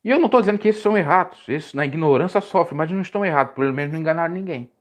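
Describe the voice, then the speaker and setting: A man preaching casually on a live stream, rambling and correcting himself, his voice jumping high when he stresses a point. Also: lively intonation, rapid-fire. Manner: rambling, self-correcting, pitch swings high when emphatic.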